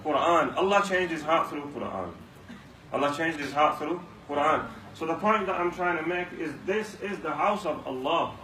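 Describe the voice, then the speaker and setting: A man with a slightly high, bright, forceful voice speaks at a normal pace, giving a Ramadan talk at a mosque where he tells stories and repeats lines for emphasis. The room echoes, the microphone sits far away, and a faint hum runs underneath.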